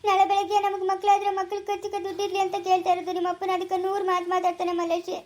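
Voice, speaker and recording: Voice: extremely high pitch, flat delivery, rapid-fire, sharp tone. A performer voicing a whiny, coaxing young wife with a rural Karnataka Kannada accent in a cartoon family drama. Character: wheedling young wife, daughter-in-law.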